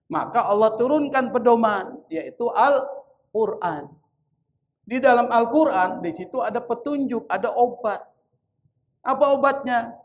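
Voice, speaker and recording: A man with a high-pitched voice teaches Quran commentary as a sermon. He poses rhetorical questions and answers them himself, drops in Arabic recitations, and speaks to his listeners as sir in a casual, friendly way. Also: expressive, measured pace, long pauses. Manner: mixes Arabic recitation into talk.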